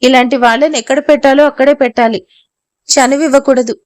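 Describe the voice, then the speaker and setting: A woman voices a domineering middle-aged mother who scolds harshly. The voice sits high, and the recording is dry and close. It belongs to a spoken storybook. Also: steady tone, a little fast, a little mellow, dry recording, lightly acted. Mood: angry.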